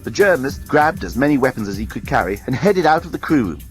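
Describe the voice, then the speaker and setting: Expressive male storyteller. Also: mid-range voice, quick pace, faint music behind. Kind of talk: read-aloud story narration.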